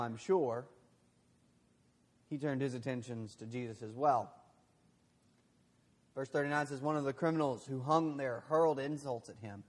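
Pastor preaching in a reverberant hall. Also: male voice, mid-range voice. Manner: conversational preaching, with mocking quoted voices and quiet, heavy pauses. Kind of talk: sermon.

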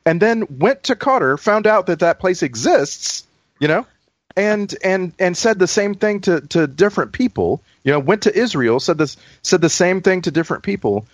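A man's voice: high-pitched, expressive, normal speed, dry recording, studio quality. A man co-hosting a casual panel chat, stammering and restarting his sentences often. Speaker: podcast co-host.

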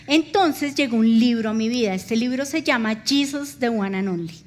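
A middle-aged woman with a high voice delivers a sermon. She tells stories with strong emotion and acts out the dialogue, her pitch rising and falling. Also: moderate pace. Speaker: pastor.

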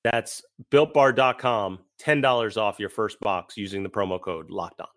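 Speaking at a normal pace in a lowish yet fairly bright voice, a man in his thirties co-hosts a sports podcast. He keeps it casual with frequent stumbles and restarts, cracks the odd joke, and reads an ad.

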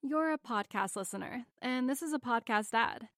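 A woman's voice: fairly high pitch, animated, moderate pace, a bit bright, no echo, clean studio sound. A woman reading a scripted podcast ad in an upbeat, polished manner. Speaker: ad announcer. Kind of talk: scripted ad read.

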